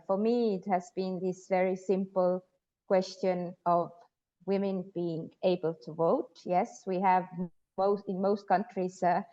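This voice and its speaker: A woman from Estonia, a guest sociologist, answers interview questions thoughtfully and with frequent hesitations. Her medium-pitched voice is mellow, and the highs in the recording are cut off.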